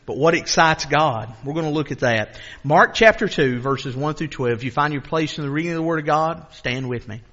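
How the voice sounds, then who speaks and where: A man's voice: on the high side, a little fast, fairly bright tone, lo-fi sound. A man preaching a sermon in church, telling a story and leading an earnest prayer. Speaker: pastor.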